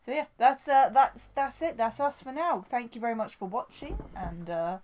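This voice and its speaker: A woman's voice: fairly high pitch, animated, moderate pace, a little mellow, slight background noise. Chatty woman hosting a fan podcast, eager and rambling. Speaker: podcast host. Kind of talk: casual chat.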